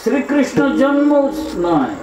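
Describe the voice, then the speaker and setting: A man's voice: very high-pitched, very animated, measured pace, a little mellow. A man preaching a devotional kirtan sermon, posing rhetorical questions and answering them himself with wordplay. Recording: echoey hall, mic at a distance, music behind.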